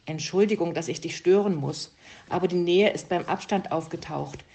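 A woman's voice: lowish voice, normal speed, warm tone, lightly acted. A woman voicing a polite, urgent spirit of justice in a read-aloud storybook. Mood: earnest. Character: earnest, helpful spirit of justice.

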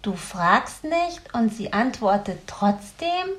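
A woman voicing a cheerful, curious young female helper who talks in a bright, playful way. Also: medium pitch, big pitch swings. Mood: amused, playful. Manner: bright, playful, quick to laugh.

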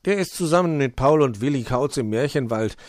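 A man's voice: mid-range voice, lively intonation, a little fast, no room sound, voice pushed up, close to an everyday voice. A man voicing a shy, eager male gnome craftsman in a storybook reading. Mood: earnest. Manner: earnest, a bit sheepish.

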